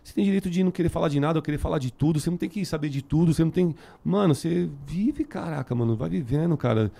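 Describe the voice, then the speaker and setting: Racing along in a slightly high, creaky but mellow voice, this man speaks with a São Paulo Brazilian Portuguese accent. He is a band musician guesting on a podcast, and his casual chat is heavily slangy street talk laden with fillers.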